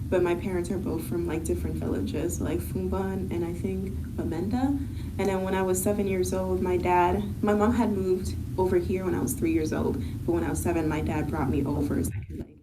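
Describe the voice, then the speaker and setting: A woman's voice: lowish voice, steady tone, fairly quick. Earnest young woman from Cameroon, distant mic. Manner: casual, earnest, frequent "like". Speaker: interviewed student. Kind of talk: recorded video interview. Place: indoor room with a plant. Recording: distant mic with room noise.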